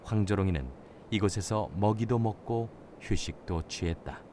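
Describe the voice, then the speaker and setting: Low-voiced man narrating a nature documentary. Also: normal speed, darkish tone, a little hiss or hum. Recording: music behind the voice. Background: background music.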